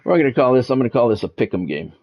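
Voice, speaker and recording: This American man streams games, chatting and calling sports play in an informal, wry way that often turns the joke on himself. His medium-pitched voice is very animated and rapid-fire, recorded with a dull lo-fi mic.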